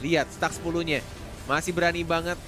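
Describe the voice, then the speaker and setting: A man's voice: a little high, flat delivery, fast talker. A man giving conversational, analytical live game commentary as a match announcer. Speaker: esports shoutcaster, analyst. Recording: music behind the voice. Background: music.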